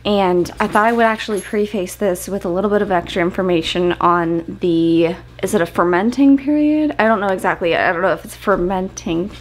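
Speaking a little fast with hardly any pauses, a medium-pitched woman in her thirties cooks at home and chats to the camera about each step. She is a homesteading cooking vlogger giving a casual tutorial, and the audio is poor.

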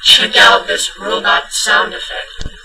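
A man's voice as a tutorial host, turned robotic by stacking pitch-shifted copies of his own speech. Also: steady tone, takes it slowly, pushed and bright, reverberant, far from the mic, faint music behind, rough recording. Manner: instructional, step-by-step. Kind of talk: software tutorial.

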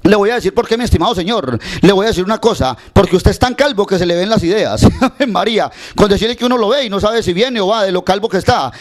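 A man's voice: sits high, animated, fast. A middle-aged male comedian with a Paisa Colombian accent, playing a brash folk-healer huckster in declamatory, mock-serious comic patter on a handheld mic. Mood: brash, teasing. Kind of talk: comic street-hawker monologue. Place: small indoor space before a show banner. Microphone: handheld microphone held close.

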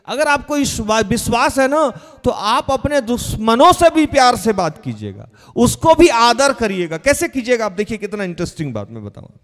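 A man's voice: extremely high pitch, sing-song, normal speed, few pauses, fairly bright tone. A man preaching a sermon, telling a story with animation and asking his listeners questions. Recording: long hall reverb.

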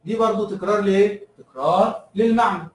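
Egyptian male teacher, high-pitched and quick, drills terms by repeating them, echoey room, off-mic. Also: far from the mic. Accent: Egyptian Arabic. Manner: asks and answers his own questions, repeats key terms. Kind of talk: recorded review lesson.

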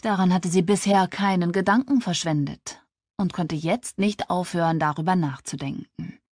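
Female audiobook narrator, low and steady, dry studio read. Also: moderate pace, dry recording. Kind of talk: scripted narration.

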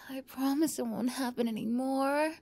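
In an ASMR roleplay, a woman plays a fixated young yandere who has taken someone captive, staying close to the microphone. She takes her time, alternating soft whispers with giddy, high outbursts in a teasing, intimate mood.

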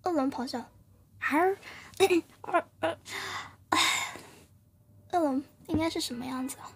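A woman's voice: sits high, a little slow, gravelly. A woman streamer chatting casually and playfully with her live viewers, often giggling and thanking them.

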